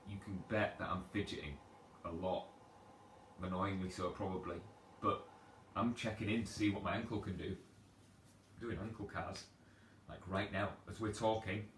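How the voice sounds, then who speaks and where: A man talks through training advice in a casual, rambling live Q&A, chatty and a little self-deprecating. His voice sits somewhat low. It comes from a step back from the mic in an echoey room, with a faint hiss behind it. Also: recorded from a distance. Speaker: personal trainer. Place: at home on a sofa.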